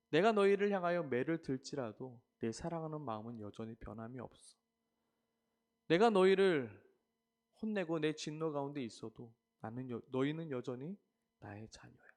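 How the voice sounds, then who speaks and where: A man preacher voicing God as a tender, pleading father, sometimes dropping to a hush. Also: a little high, close to an everyday voice. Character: God speaking tenderly to his children.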